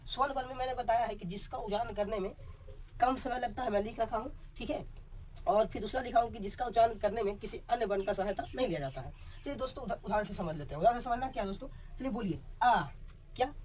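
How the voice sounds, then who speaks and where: Guy teaching at a board, rattles along fast, keeps asking okay?, mic a bit far off with faint hiss. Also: high voice, a little mellow. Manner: keeps checking in with "ठीक है?" and quizzes the viewers. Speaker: Hindi teacher. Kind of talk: classroom lesson at a board.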